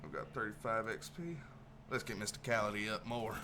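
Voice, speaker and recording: A man's voice: fairly low pitch, fairly quick, over music. A man giving casual commentary on a video game playthrough, mumbling asides and reading on-screen text aloud.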